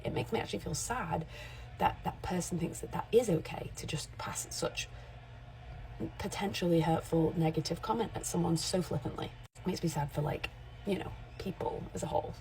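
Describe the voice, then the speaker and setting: This forties-aged makeup artist has a fairly low, slightly mellow voice, heard through a low-quality recording. She speaks frankly to camera in a loose vlog style, wandering off track and fixing her own words.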